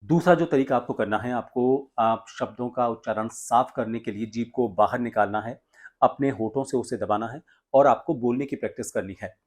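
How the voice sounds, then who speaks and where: An Indian man at a middle pitch presents an instructional tutorial as a voice coach. He explains each step deliberately, often stopping mid-sentence before carrying on.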